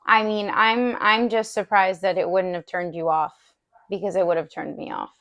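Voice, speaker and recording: A woman's voice: mid-range voice, steady tone, moderate pace, a bit bright, dry recording, highs cut off. A woman in casual conversation, responding and asking questions as an interviewer.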